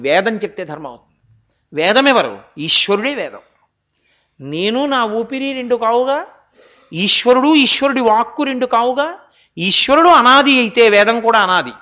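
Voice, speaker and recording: Guy preaching, really high sharp voice, keeps firing questions at you. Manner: animated, rhetorical questions, recites Sanskrit and Telugu verses. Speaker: spiritual discourse speaker. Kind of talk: Telugu religious discourse.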